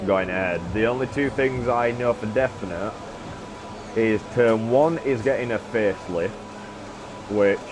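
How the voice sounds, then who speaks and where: Man, low voice, streamer chatting loosely while racing, lots of ums, noisy background hiss. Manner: rambling, full of filler sounds. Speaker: gaming streamer. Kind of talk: casual chat while playing a racing game. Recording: steady background noise.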